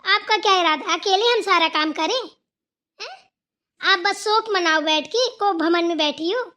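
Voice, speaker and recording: A woman voicing a sharp-tongued, sarcastic young daughter-in-law in a cartoon. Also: very high-pitched, measured pace, heavily acted. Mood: taunting. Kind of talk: cartoon voice acting.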